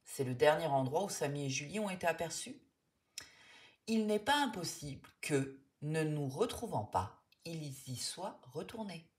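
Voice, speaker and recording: A woman reading a storybook, voicing a composed boy who speaks in a measured, reassuring way. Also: sits low, animated. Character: calm, composed boy taking charge.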